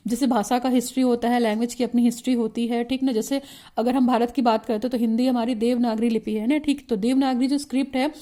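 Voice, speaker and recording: Mellow-voiced Indian woman teaching slowly. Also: fairly high pitch, flat delivery. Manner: reads English points slowly, then explains with frequent "ठीक ना?" check-ins. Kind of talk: explanatory lecture.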